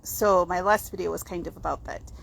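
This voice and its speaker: Chatting into a handheld camera or phone, this home vlogger has a lowish voice with a Scottish-sounding accent, speaking steadily and a little fast. She meanders and pokes fun at herself, and the poor-quality home video carries clear background noise.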